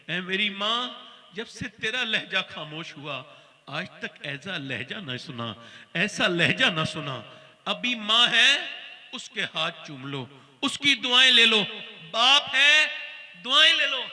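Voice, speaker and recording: A man's voice: high voice, sharp tone, long reverb tail. A male preacher giving a sermon, telling stories with feeling and acting out the voices of the people in them. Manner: emotional storytelling, acting out quoted voices.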